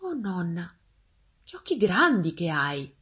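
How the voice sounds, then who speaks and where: A woman voicing a cheerful little girl in a fairy tale, speaking high and eager. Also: very animated, slow pace, a bit bright, slightly rough, exaggerated voice. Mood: chirpy.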